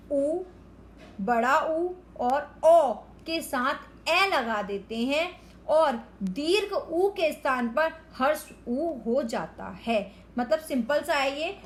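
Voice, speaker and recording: Slowly and carefully, word by word, a woman teaches children Hindi grammar and mixes in English words. Her voice is high-pitched, with a little hiss or hum in the recording.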